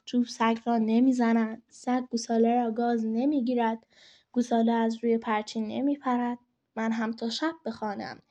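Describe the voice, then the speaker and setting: A woman's voice: a little high, level tone, dark tone, dull audio, lightly acted. A woman voicing a weary old woman in a storybook tale, coaxing and pleading in a singsong way.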